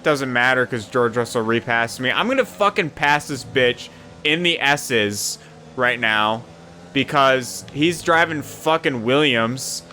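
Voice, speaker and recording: Young man, gaming commentary, bright voice, profane, rambling, excitable, faint game engine noise. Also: mid-range voice, a little slow. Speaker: gaming YouTuber. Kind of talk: casual racing game commentary.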